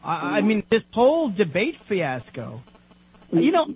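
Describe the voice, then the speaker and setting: A man's voice: high-pitched, wildly swooping pitch, a little slow, slight background noise. A man hosting a political talk radio show, talking emphatically and firing off rhetorical questions. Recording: tinny lo-fi radio audio.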